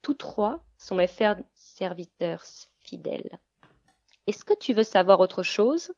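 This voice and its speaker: A gruff, greedy old witch from a fairy tale, voiced by a woman who drags her words out with menace. She booms her threats in a storybook reading. The recording is dull and dry. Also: animated, darkish tone, no room sound. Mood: mysterious. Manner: growling, threatening, drawn-out words.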